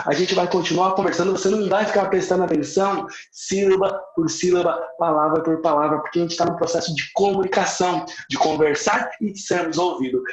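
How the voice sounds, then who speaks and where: A middle-aged Brazilian man with a Brazilian accent, teaching English in a live online class. He switches between English phrases and their Portuguese translations and stretches key words for emphasis. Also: sits high. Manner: says phrases in English, then repeats them in Portuguese. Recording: echoey room, slightly dull sound.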